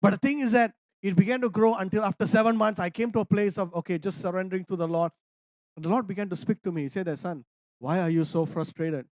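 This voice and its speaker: A man from India, a pastor telling a personal story in a sermon, animated and laughing often as he acts out conversations. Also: sits high, quick pace, no echo, studio quality.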